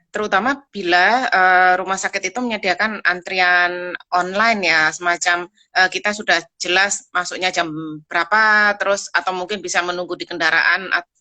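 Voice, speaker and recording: A woman's voice: lowish voice, steady tone, normal speed, bright, forceful tone. A woman answering as a guest dental expert on a live call, explaining in a reassuring but hesitant, informal way. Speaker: guest expert, pediatric dentist. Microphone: live video call.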